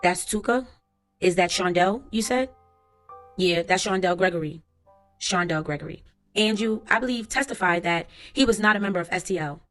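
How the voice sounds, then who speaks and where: A woman's voice: on the low side, moderate pace, fairly bright tone, close to an everyday voice. A woman reading aloud a court transcript as the lines of a lawyer, who asks formal, methodical questions, with faint music behind her.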